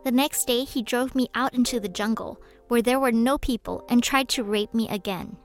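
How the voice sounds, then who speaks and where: A woman speaking as an interpreter voice-over, giving a translated first-person testimony in a steady, measured way. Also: a little high, faint music behind.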